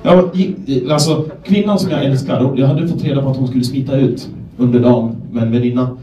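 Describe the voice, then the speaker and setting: A young Swedish man from Gävle doing a stand-up set, telling self-deprecating stories in a deadpan way and acting out the people in them. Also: mid-range voice, lo-fi sound, slight background noise. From Sweden, Gävle. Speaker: stand-up comedian. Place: comedy club stage. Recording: echoey club room, voice from a distance.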